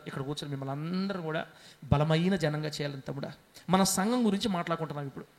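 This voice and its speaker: A man pastor preaching a sermon with passion, swinging between hushed and loud passages and calling on the congregation to answer aloud. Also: fairly high pitch. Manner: calls on the congregation to respond aloud.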